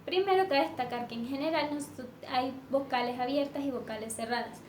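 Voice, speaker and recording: A woman teaching a lesson in a measured way, with fillers and self-corrections. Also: sits high, a little mellow. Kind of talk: explanatory lesson. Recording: echoey room with faint background noise.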